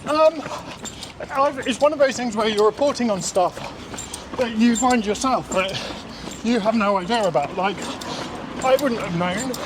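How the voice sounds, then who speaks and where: A man's voice: extremely high pitch, moderate pace. A man giving casual interview answers while running outdoors. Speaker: interview guest. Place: outdoors in an urban area, on the move. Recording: clearly noisy outdoor urban recording.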